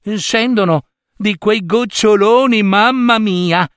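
A man's voice: high voice, takes it slowly, smooth, dry recording, clean studio sound, voice pushed up. A man voicing an eager, impulsive older mother snail in a storybook reading. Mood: excited. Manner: excited, wistful.

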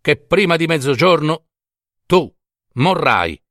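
A man reading the lines of a solemn male angel who announces a coming death in a grave, measured way. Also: on the high side, big pitch swings, a bit bright, dry recording, studio quality, full character voice.

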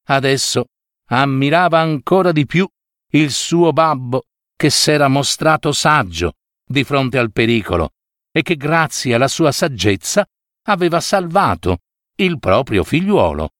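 A man reading fables aloud as a storyteller, expressive and lingering. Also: medium pitch, unhurried, dry recording, studio quality.

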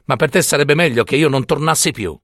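A man voicing a grim, vengeful peasant husband in a storybook reading, speaking low and curt. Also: a little fast, a bit bright, dry recording, studio quality.

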